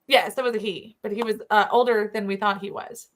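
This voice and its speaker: A middle-aged woman, co-hosting a show and telling stories in a chatty, animated way. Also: mid-range voice, brisk. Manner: chatty, laughs often, animated retelling. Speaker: show co-host. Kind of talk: casual storytelling chat.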